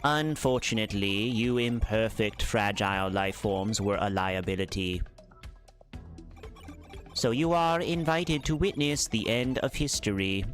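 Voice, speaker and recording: A man putting on a flat, beeping robot voice for a cold corporate supercomputer that threatens to end all life. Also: on the low side, unhurried, soft background music, lightly acted. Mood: menacing. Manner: monotone robot voice with beeps. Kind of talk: reading game dialogue aloud in voices.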